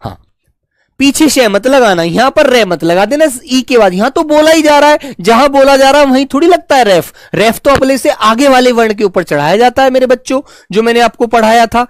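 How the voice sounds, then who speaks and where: A man teaching spelling to a live online class, who stretches each word out slowly and fondly calls his students children. His pitch rises and falls a lot as he explains. The sound is dry and close, with no room echo. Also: animated. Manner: patient, repeats words slowly, calls students "beta".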